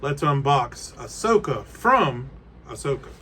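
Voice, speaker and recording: A man's voice: mid-range voice, very animated, slow pace, bright, forceful tone, a little hiss or hum. A man hosting a casual unboxing video from a room of collectibles, chatting and rambling with frequent fillers. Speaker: toy collector host.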